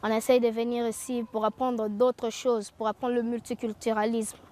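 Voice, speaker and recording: A young woman and newcomer student, speaking calmly and reflectively in a documentary interview. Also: fairly high pitch, moderate pace.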